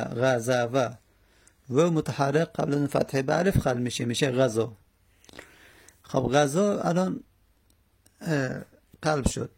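A man's voice: medium pitch, gravelly, a little mellow, husky. A man teaching an Arabic morphology lesson, carefully working through verb forms and repeating each one aloud.

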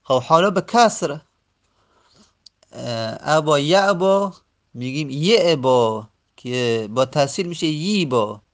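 A man teaching an Arabic grammar lesson, reciting verb forms slowly and repeating them, pausing often and correcting himself. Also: fairly high pitch, expressive. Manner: slow, repetitive recitation of word forms; self-correcting, with frequent pauses.

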